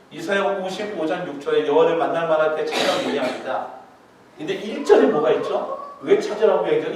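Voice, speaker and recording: A middle-aged male pastor preaching a sermon in a lively way, acting out voices and putting questions to his congregation. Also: fairly high pitch, a little hiss or hum. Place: large church sanctuary. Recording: echoey hall, mic far from the speaker.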